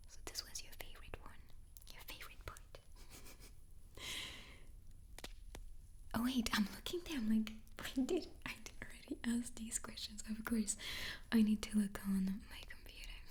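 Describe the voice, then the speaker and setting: A woman doing a whispered ASMR chat in a soft, playful, chatty way. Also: on the high side, a little slow, long pauses. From France. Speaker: ASMR creator and host.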